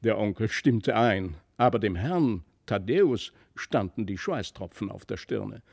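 A man reading a classic tale aloud in measured, even storytelling narration. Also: lowish voice, creaky, no echo, studio quality. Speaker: audiobook reader.

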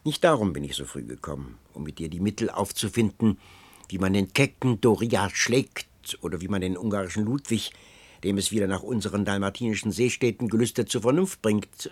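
A man reading aloud, voicing an old counselor who persuades with ornate, flattering speech, in a storybook reading. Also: fairly low pitch, moderate pace, husky, no room sound. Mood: coaxing.

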